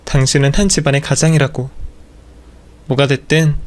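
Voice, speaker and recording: A man's voice: mid-range voice, little pitch movement, moderate pace, natural voice. A man voicing an exasperated young wife and working mother who scolds her husband. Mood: scolding. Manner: scolding, nagging.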